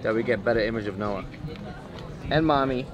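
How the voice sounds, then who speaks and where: This family vlogger, a man in his thirties, speaks briskly in a lowish voice, chatting to the camera and his pet. The handheld camera, held at arm's length, records mostly outdoors at a marina and patio before moving to a garage and home. The high frequencies are cut off, and background crowd noise comes through clearly.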